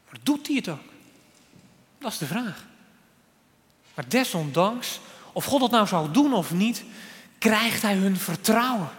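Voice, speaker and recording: A man preaching a sermon in earnest, moving between loud stressed lines and quiet, soft ones. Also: sits high. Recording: long reverb of a large church hall.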